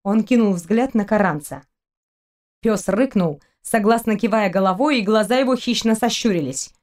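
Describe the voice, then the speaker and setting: Audiobook narration: woman reader, steady storytelling. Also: medium pitch, normal speed. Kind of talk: scripted narration.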